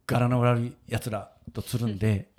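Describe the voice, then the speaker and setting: A man's voice: mid-range voice, steady tone, measured pace, darkish tone. A man hosting a casual radio chat, telling a moving story and often breaking into laughter. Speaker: radio show host and wedding photographer.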